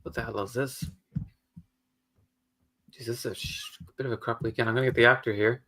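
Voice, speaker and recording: A man of middling pitch chats on a livestream, often half talking to himself. His asides come out dry and exasperated. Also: fairly even intonation, fairly quick, sharp tone. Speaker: co-host of a writing livestream. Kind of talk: casual livestream chat.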